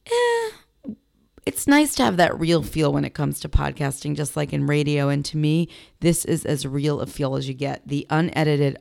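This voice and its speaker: A young woman with a low, gravelly voice hosts her own podcast, chatting in a loose, self-joking way. She talks into a headset mic, and the sound is close and dry with no room around it. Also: a little mellow, dry recording. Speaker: podcast host and sex educator. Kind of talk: unscripted solo podcast chat. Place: home studio in a big US city.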